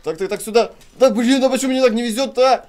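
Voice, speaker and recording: A young man bantering and complaining playfully over gameplay, animated and full of exclamations. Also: very high-pitched, quick pace, a loud crowd. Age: young adult. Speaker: gaming video host.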